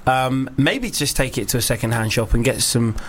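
A man's voice: mid-range voice, normal speed. A man hosting a radio show in a casual, joking style. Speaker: radio host.

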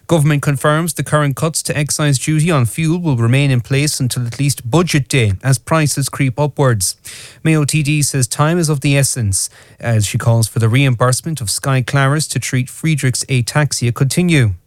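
A man's voice: medium pitch, moderate pace, dry recording, studio quality. A man with an Irish accent reading scripted headlines and weather as a radio presenter.

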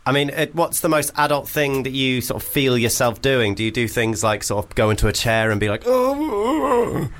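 A man, hosting a comedy call-in show in playful, teasing banter. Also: normal speed. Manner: playful, teasing, jumps to a high squeal when excited. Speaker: radio show host.

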